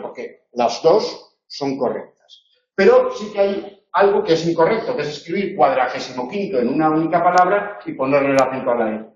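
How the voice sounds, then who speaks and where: Spanish lecturer in an echoey room. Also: male voice, on the high side, a little mellow, recorded from a distance. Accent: Spain. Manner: explanatory, wry asides, frequent "eh" fillers. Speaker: university lecturer. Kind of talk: lecturing on spelling rules. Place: classroom tutorial. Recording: echoey room, voice off-mic, dull lo-fi sound.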